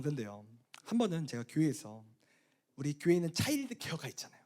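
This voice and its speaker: A male pastor preaches to teenagers at a retreat, telling funny stories with lots of drama. His voice sits high and leaps widely, from loud bursts down to quiet asides. He is lively and animated throughout. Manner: animated comic storytelling, swinging from loud exclamations to low asides. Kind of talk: youth retreat sermon.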